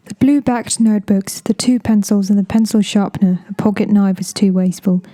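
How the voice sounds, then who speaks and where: English woman narrating an audiobook, deadpan and measured, very dark mellow timbre, mid pitch.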